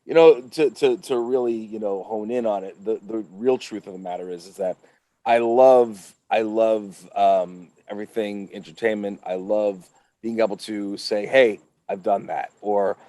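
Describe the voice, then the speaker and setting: A man's voice: on the low side, steady tone, measured pace, mellow, no echo. A man talking as a guest on a podcast, upbeat and emphatic, with motivational swings in his speech. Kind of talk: casual podcast chat.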